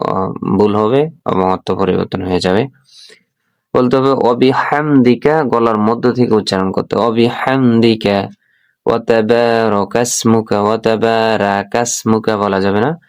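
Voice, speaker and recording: A man teaching how to pronounce a prayer, repeating each phrase slowly for learners. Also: on the low side, no room sound. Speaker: religious teacher. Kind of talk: recitation lesson.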